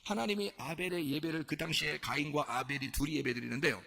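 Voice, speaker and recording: A man's voice: a little high, steady tone, quick pace, vocal fry, pushed and bright. A man preaching a sermon, asking his congregation questions and acting out quoted lines. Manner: asks the congregation questions and acts out quoted speech. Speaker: pastor.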